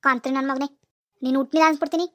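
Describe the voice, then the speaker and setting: Someone voicing a shrill, raging village father. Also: fairly even intonation, rapid-fire. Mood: threatening. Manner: shouting threats and insults. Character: furious village father, threatening. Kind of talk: animated village drama.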